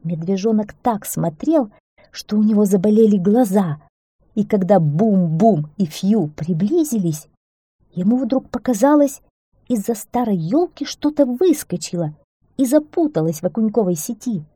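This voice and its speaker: A woman storyteller reading a children's tale aloud in an expressive, unhurried way. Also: medium pitch, breathy edge, no room sound, studio quality.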